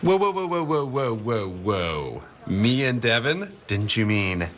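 A boyish, animated joking detective. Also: male voice, medium pitch, measured pace. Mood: teasing, nervous. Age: 30s. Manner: awkward, playful rambling. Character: boyish, goofy, joking male police detective.

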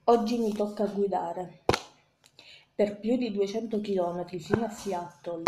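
Amateur woman reader, slow halting delivery, frequent restarts, mellow voice, echoey room. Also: medium pitch, slight background noise. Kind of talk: first-person novel reading.

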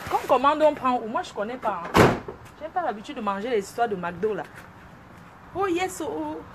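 Woman, high voice, loud and boisterous car vlog, mixes French and pidgin English; clear car noise. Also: lively intonation, brisk. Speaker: vlogger. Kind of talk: casual self-filmed car vlog. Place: inside a car at a drive-through. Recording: noisy car ambience. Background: car and engine noise.

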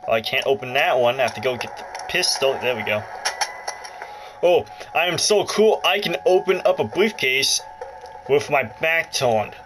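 Recorded roughly, this man hosts gaming videos with a mid-range voice, lively intonation, and a moderate pace. His let's play commentary rambles casually, full of jokes and self-interruptions. Game music plays from the handheld console's speaker, which sits about a foot from him indoors.

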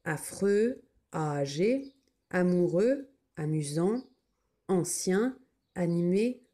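Woman teacher, mellow tone, patient and slow, spelling words letter by letter for children. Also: fairly low pitch, lively intonation.

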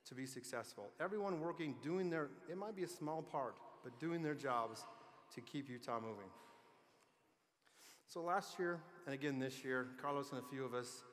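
A man's voice: mid-range voice, a bit bright. A man giving an earnest, plain-spoken keynote speech at a conference, with light joking asides. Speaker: transportation agency leader giving a conference speech. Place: large conference hall. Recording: long reverb of a big hall.

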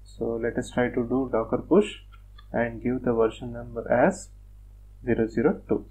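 A man presenting a screen-recorded software tutorial, talking step by step in a plain, methodical way with frequent fillers like "uh" and "like". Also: medium pitch, fairly even intonation, normal speed, breathy edge, poor audio. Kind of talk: screen-recorded technical walkthrough.

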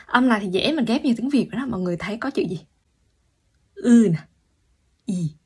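A woman language teacher giving an online pronunciation lesson, explaining patiently and repeating sounds slowly. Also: fairly high pitch, animated, dark tone, husky.

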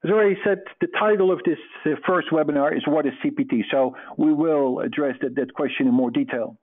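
Middle-aged Dutch man, webinar presenter, slightly high voice, earnest with fillers, tinny phone-quality audio. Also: quick pace. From Netherlands. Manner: earnest, explanatory, many fillers. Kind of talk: webinar lecture over slides.

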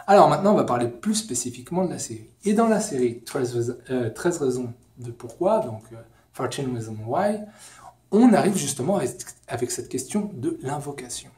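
Lively young man in a lecture hall. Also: medium pitch. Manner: lively, talks with his hands, many fillers. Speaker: educational video host. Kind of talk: informal explainer lesson.

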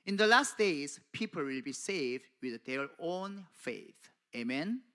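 A middle-aged man preaching at a pulpit in a small church, speaking into a handheld mic, slow and emphatic, calling out "Amen?" to the congregation. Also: on the high side, animated, fairly bright tone. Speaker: pastor delivering an English translation of a sermon. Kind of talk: sermon. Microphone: handheld microphone at a pulpit.

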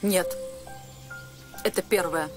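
A woman's voice: on the low side, slow. An actress in her twenties playing a proud, wounded junior lieutenant in a war film, intense in manner. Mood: pained, bitter. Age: 20s. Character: proud, wounded young woman junior lieutenant, trained saboteur. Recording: faint film music under the voice.

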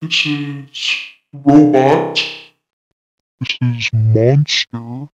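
A woman speaking slowly through a voice changer that morphs her into deep male, robot, monster and elder voices. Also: faint music behind, full character voice. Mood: demoing. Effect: voice changer lowering pitch into male, robot, monster and elder voices.

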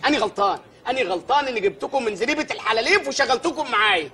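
An actor playing a brash, excitable village mayor with an Egyptian accent, in a comedy film. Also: male voice, very high-pitched, exaggerated voice. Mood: scolding. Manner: rapid, loud comic bluster.

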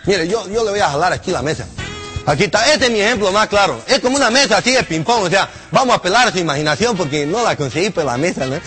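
Male comedian as an old delivery-room hand, high and animated, crude and rambling, faint music under. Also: quick pace. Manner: rambling, swears often, laughs at his own jokes. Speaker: comedian doing a character monologue. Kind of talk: comic character monologue to camera.

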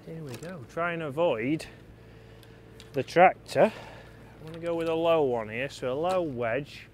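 A man with a Yorkshire accent talks through a round of golf in a teasing, chatty way. His voice sits slightly high, and there is a faint hum of outdoor noise behind him on the course. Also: unhurried. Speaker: golf vlogger and host. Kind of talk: casual on-course commentary.

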